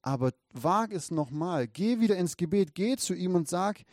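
A man delivers a sermon, reading scripture aloud and turning to his listeners with earnest encouragement. His voice sits slightly high for a man. The recording is dry and close, with little room sound. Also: expressive, normal speed, a little mellow, no room sound. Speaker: preacher.

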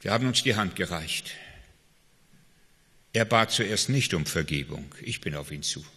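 Male preacher, emphatic sermon delivery, bright tone, reverberant hall. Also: deep voice, animated, moderate pace, breathy edge. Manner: emphatic preaching with swings between loud calls and quiet confession.

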